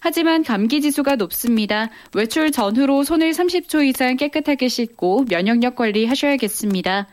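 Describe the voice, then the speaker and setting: A woman's voice: high-pitched, animated, fairly quick, few pauses. A woman reading a scripted weather and safety bulletin on the radio.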